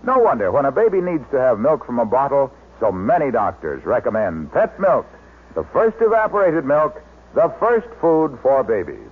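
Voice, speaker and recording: A man's voice: medium pitch, wildly swooping pitch, normal speed, slightly rough. Chipper 1950s ad man, thin vintage radio sound. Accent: American. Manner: polished, emphatic sales delivery. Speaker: radio announcer. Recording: vintage radio broadcast, narrow phone-like band.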